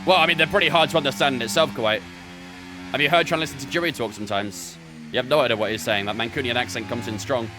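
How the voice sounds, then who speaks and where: A man's voice: medium pitch, racing, over music. A young man streaming a racing game from his bedroom, chatting with viewers between laps. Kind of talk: casual live-stream chat while racing.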